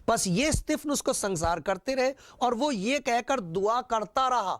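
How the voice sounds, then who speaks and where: A man's voice: very high-pitched, animated, fairly bright tone. A man preaching a sermon, retelling scripture with repetition and rhetorical questions.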